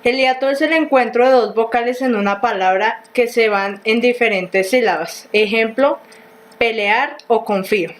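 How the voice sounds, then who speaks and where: A woman reads a grammar lesson aloud in a fairly high voice. She goes slowly and carefully, sometimes restarting a word. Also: poor audio.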